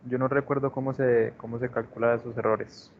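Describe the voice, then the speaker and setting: A man's voice: medium pitch, level tone, a little fast, narrow, tinny audio, a little hiss or hum. Hesitant Santander-accented young man student. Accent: Santander Colombian Spanish. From Santander, Colombia. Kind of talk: answering in class.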